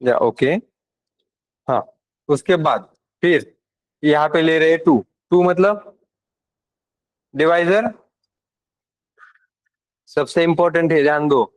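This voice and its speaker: Teacher, slightly high, dry sound. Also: male voice, slow pace, pauses often, no echo, low-quality recording. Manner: asks the class questions, mixes in English. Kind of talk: classroom lecture.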